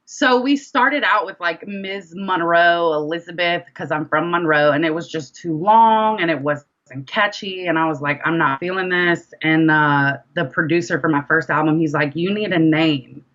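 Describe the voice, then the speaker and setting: This interviewed rapper and singer has a lowish voice, a moderate pace and few pauses, and the audio sounds dull. She keeps things casual, animatedly acting out conversations as she tells her stories.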